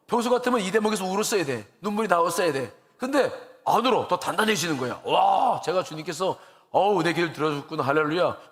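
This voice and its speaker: Earnest Korean pastor preaching in a reverberant church. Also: male voice, high-pitched. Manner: earnest and conversational, with rising emotional emphasis; laughs at himself while telling stories. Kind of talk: sermon. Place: church sanctuary.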